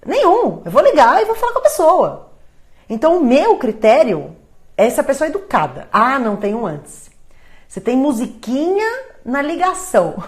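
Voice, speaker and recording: Animated, blunt Brazilian woman live-streaming. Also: a little high. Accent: Brazilian Portuguese. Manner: animated, blunt, acts out phone calls. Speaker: livestream host answering viewer questions. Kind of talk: casual live Q&A.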